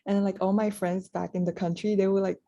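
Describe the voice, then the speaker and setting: A young woman from Malaysia co-hosts a casual student podcast. Her voice is mellow and soft-edged, at an ordinary pitch, and she chats in a friendly, easy way. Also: flat delivery, quick pace, no room sound, lo-fi sound. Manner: friendly, frequent mm-hmm backchannels. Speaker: podcast co-host.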